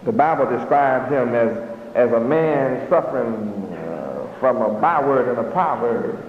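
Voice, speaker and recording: A man preaching a fiery sermon to a gathered audience, pressing his points with rhetorical questions and bursts of shouting. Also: medium pitch, animated, a little slow. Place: hall with a live audience. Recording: echoey hall, dull lo-fi, noisy.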